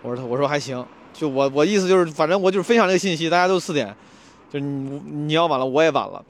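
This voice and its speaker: A young man, a comedian, telling a story to camera in a casual vlog, animated and slangy, stumbling and restarting his sentences. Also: a little high, fast. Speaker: stand-up comedian vlogger.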